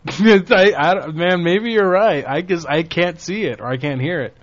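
A man's voice: on the high side, moderate pace. A man hosting a prank-call show, chatting casually in a self-mocking way, laughing and swearing. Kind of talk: casual banter. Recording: dull lo-fi audio.

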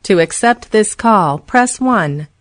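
A woman's voice: mid-range voice, lively intonation, takes it slowly, no echo, studio quality. A woman's recorded automated announcement, heard over a phone line, reading formal prompts.

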